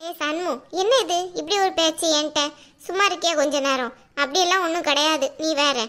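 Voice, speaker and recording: A woman's voice: high voice, steady tone, brisk, pushed and bright. A woman voicing a touchy young elder sister in a cartoon, defensive and snappish.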